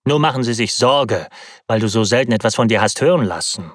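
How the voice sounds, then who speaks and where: A man voicing a worried young male friend who gently scolds and frets over a pale, exhausted companion. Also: mid-range voice, lively intonation, fairly quick, dry recording, studio quality, close to an everyday voice. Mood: concerned.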